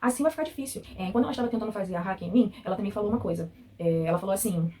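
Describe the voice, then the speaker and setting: A woman telling her own birth story, speaking quickly with indignation and quoting the staff who treated her. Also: medium pitch, dark tone, a little hiss or hum. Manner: fast, tearful and indignant, quotes staff. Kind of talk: emotional personal account.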